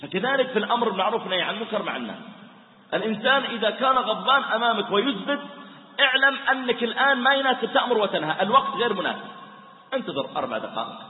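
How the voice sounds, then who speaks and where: A man preaching a sermon, animated as he tells stories and mimics the people in them. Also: sits high. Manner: animated storyteller, mimics the voices in his stories. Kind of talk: sermon with acted-out anecdotes. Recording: roomy hall, phone-like thin sound.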